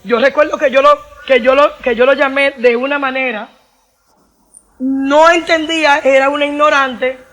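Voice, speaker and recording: A woman's voice: sits high, steady tone, moderate pace, a bit bright. A woman, giving an emotional personal testimony, earnest, repeating phrases and acting out the voices in her story.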